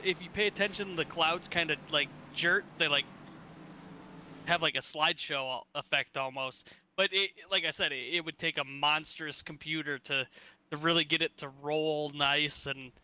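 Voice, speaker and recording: A man's voice: on the high side, fairly even intonation, normal speed, sharp tone, slight background noise. A man giving casual race commentary and banter as a co-commentator. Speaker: sim racing co-commentator.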